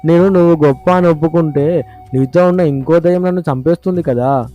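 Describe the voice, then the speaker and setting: A fearless, cheeky young farmer played by a man in a storybook cartoon. He answers with quick, bold comebacks in a mellow, darker voice that sits slightly high for a man. A light music bed runs behind him. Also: natural voice. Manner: bold, quick-witted replies.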